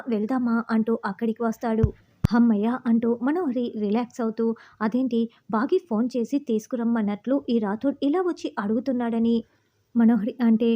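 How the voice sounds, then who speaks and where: Woman narrating a serial recap, slightly high voice, dull lo-fi recording. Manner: steady storytelling, voicing characters' lines in quotes. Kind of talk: retelling a TV serial episode.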